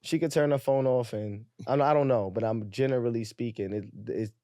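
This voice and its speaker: A man chatting as a podcast guest, talking in a measured way that trails off. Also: mid-range voice, dark tone, no echo, studio quality. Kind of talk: casual chat.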